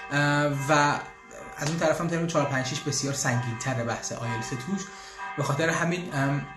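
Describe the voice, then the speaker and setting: Man, live Q&A host, casual, chatty, filler pauses, restarts, roomy echo. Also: mid-range voice. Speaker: language school host answering questions. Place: room in Austria, church bells heard.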